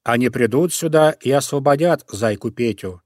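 A man's voice: medium pitch, animated, moderate pace, no room sound, clean studio sound, lightly acted. Man playing a wise old crow. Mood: decisive.

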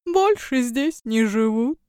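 A woman voicing a wise old owl with grey feathers, telling a tale in a slow, drawn-out, wondering tone in a storybook reading. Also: fairly high pitch, animated, a little mellow, clear, resonant tone, no room sound, clean studio sound. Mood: wistful.

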